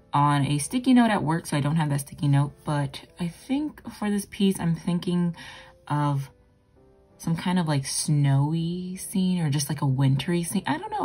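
Young female art vlogger, low-pitched and groggy, casual and rambling, faint music bed. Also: warm tone. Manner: chatty, rambling, self-deprecating. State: groggy morning voice. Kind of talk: casual narration while drawing.

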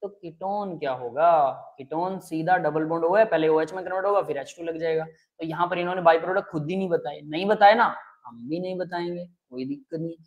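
A man's voice: fairly high pitch, a little fast, muffled recording. Man teaching chemistry in a live class. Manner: explains step by step, keeps asking students if it is clear; addresses students as beta and bhai. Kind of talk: live online class lecture.

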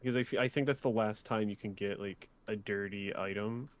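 A man on a voice call guiding a friend through a game, relaxed, teasing and amused. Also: lowish voice, fairly quick, a little hiss or hum. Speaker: co-host on call guiding the player. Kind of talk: casual gaming chat.

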